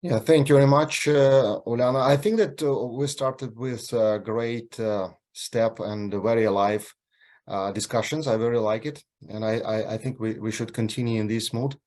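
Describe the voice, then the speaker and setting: A man from Ukraine, moderating an online panel over a video call, halting often with filler sounds and restarts. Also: mid-range voice, steady tone, a little mellow.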